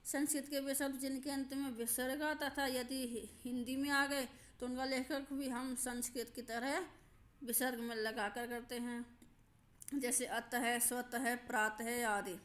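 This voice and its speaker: Slow, patient woman teaching grammar. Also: sits high, flat delivery. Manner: slow, patient, repeats examples and checks understanding. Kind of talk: grammar lesson.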